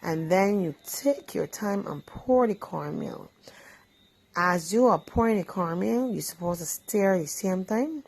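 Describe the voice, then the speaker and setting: A woman's voice: mid-range voice, expressive, a little slow, poor audio. A woman with a Barbadian accent, chatting casually about a simple breakfast dish while she eats it. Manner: chatty, easygoing, talks between bites. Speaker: vlog host. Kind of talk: casual cooking chat while eating.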